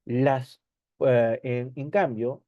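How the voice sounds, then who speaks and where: A man's voice: medium pitch, fairly even intonation, drawn-out words, narrow, tinny audio. A male teacher explaining a lesson over slides, repeating key points and checking in with short tag questions.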